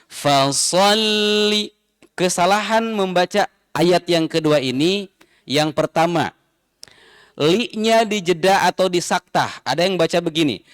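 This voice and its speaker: A man's voice: on the high side, dry recording, studio quality. A man teaching Quran recitation in a mosque, patiently repeating and spelling out each sound. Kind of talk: tajwid lesson.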